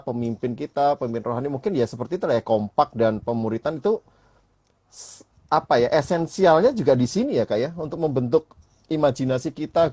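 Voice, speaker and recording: A male host with a husky voice chats casually, nodding along and restating his guest's points. The sound is close and dry, with almost no room around it. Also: on the high side, darkish tone, no room sound. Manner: affirming listener who sums up the guest's points. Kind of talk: casual interview chat.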